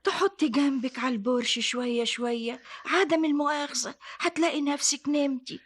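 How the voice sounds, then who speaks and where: A woman's voice: high voice, steady tone, fairly quick, natural voice. An actress playing a seasoned female cellmate who is matter-of-fact and prying, with an Egyptian Arabic accent.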